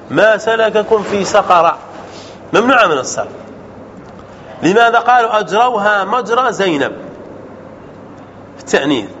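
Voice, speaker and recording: A man leads a grammar class as a sheikh, pitched fairly high for a man. He keeps stopping to throw quick questions at his students and check that they follow. The recording is muffled and lo-fi, with a faint hiss underneath. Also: expressive, fairly bright tone. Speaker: sheikh teaching Arabic grammar. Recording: dull lo-fi sound with faint noise.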